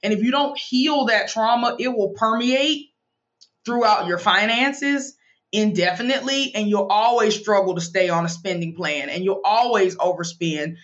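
Speaking in a medium pitch over dull-sounding audio, a woman in her thirties who works as a financial planner and money coach is interviewed. She's candid, brisk, and emphatic as she hands out advice.

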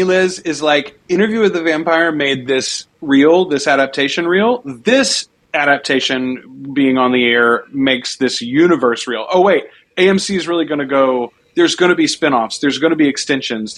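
A man's voice: a little high, moderate pace, a bit bright. A man of forty hosting a panel discussion in a casual, conversational way. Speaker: podcast co-host and panel moderator.

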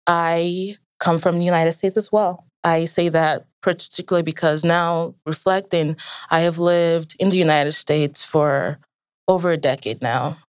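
A woman's voice: fairly low pitch, fairly even intonation, a little slow, clear, resonant tone, no echo. Young Nigerian-born woman, earnest and reflective. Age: young adult. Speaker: student guest. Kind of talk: interview.

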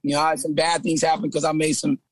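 A man from San Jose, a trainer and former football player, telling his story as a guest in a relaxed interview, with frequent "man" and repeated words. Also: on the high side, quick pace, no room sound. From San Jose, California. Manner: laid-back, says "man" often, repeats himself. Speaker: guest, trainer and gym owner. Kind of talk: casual interview chat.

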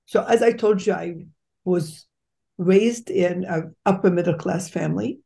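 In a conversational interview, a middle-aged Egyptian woman who is a doctor and podcast host tells her life story eagerly and emphatically. She pauses on fillers, restarts sentences and stresses key words hard. Her lowish voice is warm, with vocal fry.

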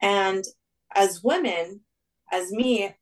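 A woman dentist from Saudi Arabia chatting as an interview guest, animated and full of restarts. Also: medium pitch, extremely slow, far from the mic, poor audio. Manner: animated, rambling with many restarts. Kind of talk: casual interview talk.

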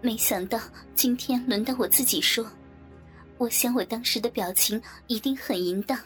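A woman narrating a story in a soft, breathy, half-whispered voice. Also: on the high side, moderate pace, soft background music. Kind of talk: whispered erotic story reading.

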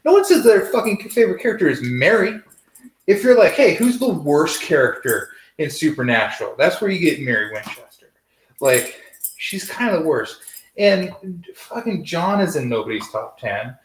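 A man's voice: sits high, big pitch swings, moderate pace. Sarcastic man ranting in an echoey room. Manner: sarcastic, profane, rambling. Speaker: TV review host. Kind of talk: casual spoiler review chat.

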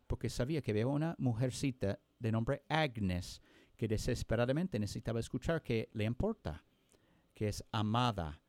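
A man telling a story during a sermon, earnest, with frequent pauses and restarts. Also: mid-range voice, a little mellow, no echo. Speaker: preacher.

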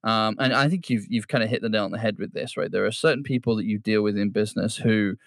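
A man's voice: on the low side, fast, a bit bright, no room sound, studio quality. A man hosting a podcast, chatting casually and joking with his guest, laughing easily. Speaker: podcast host.

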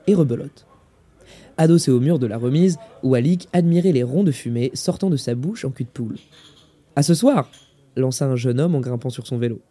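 A man narrating a literary short story in a measured, descriptive way. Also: medium pitch, mellow, husky. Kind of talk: scripted story reading.

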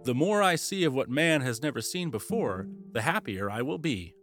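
A bold young hero speaks earnestly and eagerly, voiced by a male narrator in his own middle-pitched voice. This is a hasty storybook hero who is keen for adventure. The delivery is plain and sincere, with soft music in the background. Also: sing-song, moderate pace.

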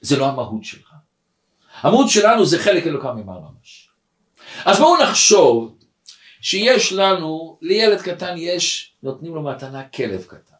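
A man's voice: fairly high pitch, roomy sound. A man, a rabbi, giving a weekly Torah lesson and telling a story dramatically, acting out its characters. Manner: animated storyteller who acts out the people in his story.

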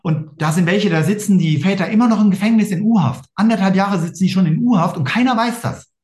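A man with a German accent telling his story fast and emphatically in a casual interview, acting out quoted exchanges. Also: sits high, a little mellow, roomy sound. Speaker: interview guest.

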